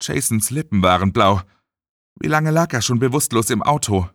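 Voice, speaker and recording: A man reading an audiobook as narrator in a dramatic, expressive way. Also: medium pitch, normal speed, dry recording, studio quality. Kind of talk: scripted narration.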